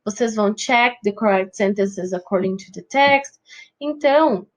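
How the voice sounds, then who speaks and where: A woman's voice: mid-range voice, a little slow. A woman teacher with a Brazilian Portuguese accent explaining English grammar patiently, often checking in with her students. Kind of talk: recorded grammar lesson.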